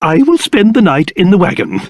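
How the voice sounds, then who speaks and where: A man voicing a pompous, excitable old cursed king in a video game, with a British accent and a theatrical manner that swings between grumbling and shrill outbursts. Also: fairly quick, dry recording. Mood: grave, scheming. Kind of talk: video game character voice acting.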